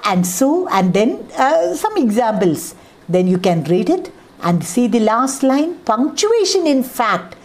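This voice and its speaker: A middle-aged woman from India speaks English with a Kerala accent as she teaches a college class. She talks slowly and works through each example step by step, her voice swooping up and down in pitch. She often starts with "ah, see" and pauses on "uh.". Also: a little mellow. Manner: explains with repeated examples, frequent "ah, see" and "uh" fillers. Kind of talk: classroom lecture.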